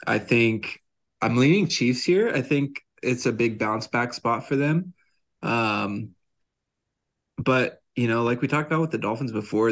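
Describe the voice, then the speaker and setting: A man co-hosts a casual sports podcast in a medium-pitched, slightly bright voice. He's easygoing and agreeable, with frequent hesitant ums.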